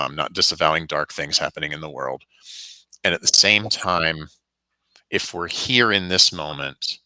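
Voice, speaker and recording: A man giving a calm, reflective intuitive reading in easy conversation, laughing now and then. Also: deep voice, no room sound, poor audio. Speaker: spiritual reader guest.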